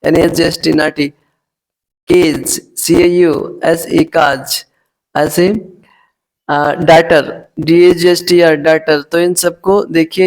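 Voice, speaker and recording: Speaking in Hindi, a man walks viewers, whom he calls friends, through English pronunciation rules in a spoken phonics lesson. His voice is on the high side and creaky, and he spells out each word letter by letter before repeating it.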